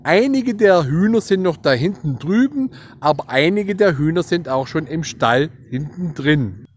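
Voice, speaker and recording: A man's voice: a little high, animated, measured pace. A man with a Swabian accent giving a playful, explanatory dialect lesson, speaking directly to his viewers. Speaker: dialect teacher. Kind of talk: scripted language lesson to viewers.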